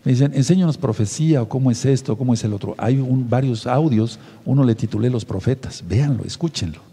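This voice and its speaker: A man's voice: medium pitch, a little fast, warm tone. A man preaching a sermon and leading the listeners through affirmations they repeat after him. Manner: leads the listeners in repeating phrases. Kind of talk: sermon with call-and-response affirmations. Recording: long hall reverb.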